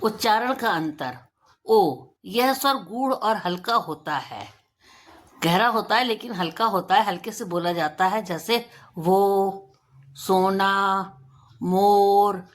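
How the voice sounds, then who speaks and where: A woman teacher giving a pronunciation lesson for children, stretching out example words slowly and deliberately. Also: mid-range voice, expressive, a bit bright. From India.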